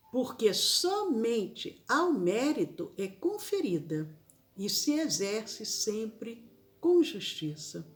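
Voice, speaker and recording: A woman from Brazil leading a spiritist gospel study, speaking slowly and repeating key phrases for emphasis. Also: fairly high pitch.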